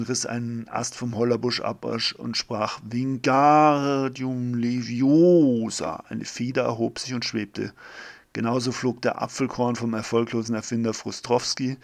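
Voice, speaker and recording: A man's voice: medium pitch, creaky. A man reading a homemade story aloud in a plain way, with slips and restarts.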